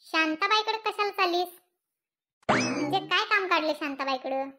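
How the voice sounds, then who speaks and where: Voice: very high voice, lively intonation, moderate pace, noisy background. A performer voicing a grumbling, exasperated middle-aged village husband in a cartoon comedy.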